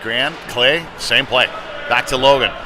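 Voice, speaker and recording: Over the clatter and hum of a noisy indoor rink, a man with a medium-pitched voice calls a youth-league-style hockey game live. He follows the puck play-by-play at an unhurried pace.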